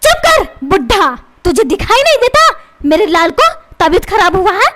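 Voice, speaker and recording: A woman voicing a shrill scolding cartoon mother. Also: big pitch swings, normal speed, noisy background. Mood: angry. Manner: scolding and bossy. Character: fickle scolding mother, doting on her son.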